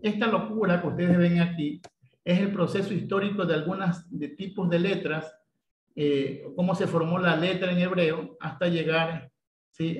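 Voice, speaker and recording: Man teaching a Bible study, echoey. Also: fairly high pitch. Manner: explanatory, many fillers and rhetorical "¿sí?" checks. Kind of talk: church Bible study lecture. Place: church meeting room.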